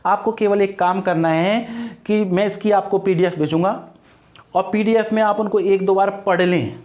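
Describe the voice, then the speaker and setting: A man's voice: high voice, steady tone, moderate pace, darkish tone. A man teaching an online English grammar lesson, explaining patiently and reassuring his students, spelling words out letter by letter. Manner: mixes English terms into his talk.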